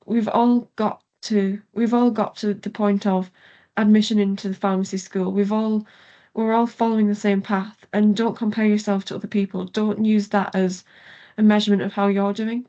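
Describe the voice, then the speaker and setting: A woman's voice: mid-range voice, darkish tone, muffled recording. A young woman from Galway with a west of Ireland accent, answering questions casually as an interview guest. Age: young adult. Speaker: interview guest, pharmacy student.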